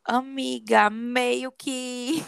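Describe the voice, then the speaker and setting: A woman telling a personal story to a friend in a confiding, animated way. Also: a little high, extremely slow, creaky, clear, resonant tone, dry recording, clean studio sound. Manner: animated confiding storyteller, often says "amiga". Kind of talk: casual storytelling chat.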